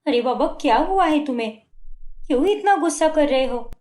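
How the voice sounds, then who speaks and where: A pleading young cartoon wife. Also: female voice, sits high, lively intonation, moderate pace, a little mellow, echoey room. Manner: pleading, defensive. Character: patient young wife, hurt but dutiful. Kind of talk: Hindi cartoon dubbing.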